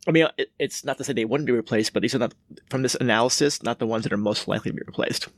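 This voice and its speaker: A man's voice: medium pitch, very fast, dry recording. A man co-hosting a podcast, walking through statistics in a matter-of-fact, casual way. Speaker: podcast co-host. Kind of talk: casual chat.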